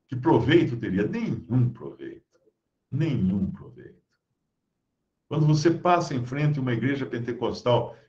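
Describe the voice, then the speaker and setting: A man's voice: mid-range voice, a little mellow. A man giving conversational Bible teaching, reading scripture aloud and explaining it with everyday stories. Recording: roomy, dull lo-fi sound.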